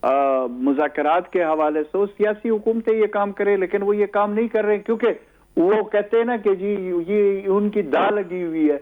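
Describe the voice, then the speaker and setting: A man who is a guest analyst on a talk show, speaking in a measured way with many hesitations and fillers. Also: high voice. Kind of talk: studio talk show discussion. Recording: tinny phone-line sound.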